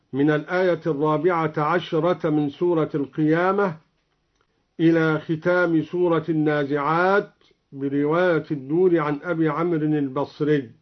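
A man explaining the variant readings of Quranic verses, chanting each example slowly after his explanation. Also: fairly high pitch. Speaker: Quran recitation teacher. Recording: dull lo-fi broadcast recording.

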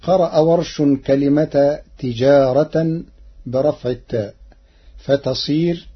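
A man teaching Quran recitation variants in a measured way, quoting each verse and then explaining it. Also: a little high, husky. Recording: dull lo-fi recording.

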